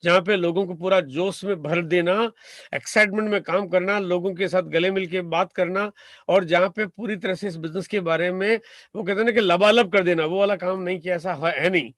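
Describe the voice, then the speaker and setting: Brief: man from India, motivational business speaker, high voice, dry close sound, hammers points with repetition. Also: fairly even intonation, moderate pace, a bit bright, no room sound. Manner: emphatic, rhetorical, piles up repeated phrases and asks "right?". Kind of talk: motivational talk to a business audience.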